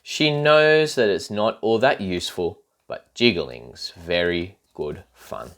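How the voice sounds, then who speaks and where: A man reading a children's rhyming picture book aloud in an expressive, playful way, with asides to young listeners. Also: deep voice, slow. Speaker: storybook reader.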